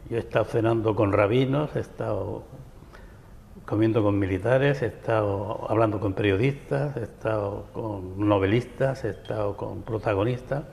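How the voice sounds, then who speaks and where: In a TV interview at a local studio, this Barcelona-born writer and architect answers at length and in a roundabout way, his Peninsular Spanish accent clear. He speaks at a moderate pace in a lowish, creaky, darkish voice, with big-room sound and a little hiss or hum.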